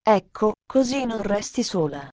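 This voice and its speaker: A woman voicing an eager little mountain girl, bold and warm, who talks in an urgent, insistent way. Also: medium pitch, very animated, a little slow, no room sound. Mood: gentle.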